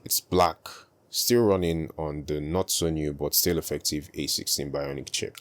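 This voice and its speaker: A young man with a very deep voice makes a casual tutorial vlog as a video creator. He's soft-spoken, calm and unhurried.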